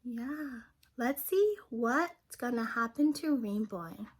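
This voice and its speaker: A young adult woman with a high, animated, slightly rough voice reads a children's picture book aloud very slowly. She pauses to ask her young listeners questions and explains things in simple words.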